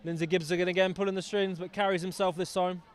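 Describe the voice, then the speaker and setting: A man's voice: high voice, level tone, fast talker, clean tone. A man doing live rugby commentary outdoors, chatty and enthusiastic with jokey asides.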